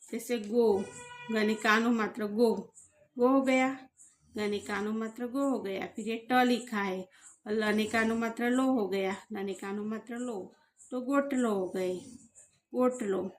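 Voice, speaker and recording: A woman's voice: on the high side, steady tone, a little slow. A woman teaching a spelling lesson, patiently sounding out each syllable and repeating it.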